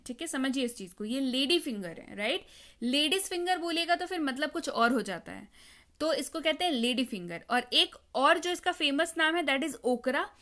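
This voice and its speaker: Bright high-voiced woman teaching vocabulary. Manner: explains patiently, repeats words and quizzes the viewer. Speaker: English teacher. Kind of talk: vocabulary lesson.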